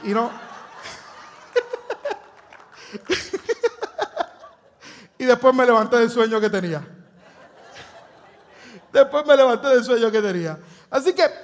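A man's voice: very high voice, very animated, slow pace, long pauses. A Puerto Rican man preaching a sermon to his congregation, telling the story dramatically and joking with the church. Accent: Puerto Rican Spanish. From Puerto Rico. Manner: dramatic storytelling, acts out scripture and jokes with the congregation. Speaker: pastor. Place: church sanctuary.

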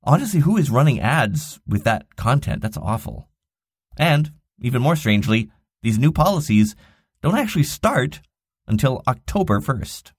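A man's voice: mid-range voice, sing-song, moderate pace, breathy edge, no room sound. A man hosting a daily digital marketing news podcast, reading the stories with wry, dry asides. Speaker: podcast host.

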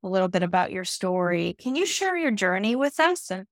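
A woman from Romania hosts an interview with a friendly, encouraging tone. Her pitch sits in the middle range. The recording is dry and close. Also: sing-song, fairly quick, no room sound. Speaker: podcast host. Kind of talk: casual interview talk.

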